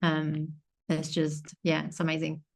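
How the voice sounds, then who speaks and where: A woman from Argentina, a podcast guest, talking thoughtfully and searching for words with many pauses. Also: low-pitched, monotone, vocal fry. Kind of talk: reflective conversation.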